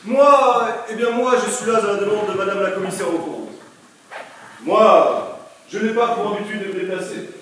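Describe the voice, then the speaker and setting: A man's voice: high-pitched, moderate pace, fairly bright tone. A man playing a pompous, self-important notary in a stage comedy, declaiming like a hammy stage actor. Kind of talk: theatrical stage comedy acting. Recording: echoey stage, distant mic, faint noise.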